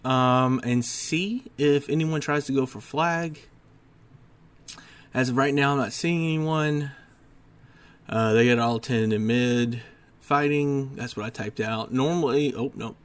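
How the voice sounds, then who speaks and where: Tired guy at his desk, mid-pitched, casual rambling gameplay voiceover, self-mocking, lots of filler. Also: a bit bright. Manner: rambling, self-deprecating, with many ums. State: tired, yawning. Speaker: gaming YouTuber. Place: at a desk at home.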